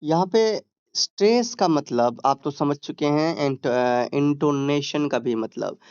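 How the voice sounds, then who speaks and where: A man with a Hindi accent gives an exam-prep lesson in a slightly high, smooth voice. He explains step by step, stretches out English terms and keeps checking that students follow. The recording is dry and a little muffled. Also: takes it slowly, darkish tone, no room sound. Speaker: exam tutor.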